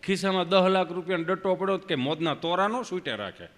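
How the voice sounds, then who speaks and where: Bright high-voiced comedian. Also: male voice, fast. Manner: chatty storyteller, moralizing asides. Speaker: stage comedian. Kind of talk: live stand-up folk comedy. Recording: long hall reverb, faint music.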